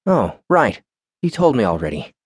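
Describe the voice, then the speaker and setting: A man's voice: mid-range voice, very animated, moderate pace, husky, pitched above the performer's own voice. A male narrator voicing a tired young male reporter with a wry, dry humor.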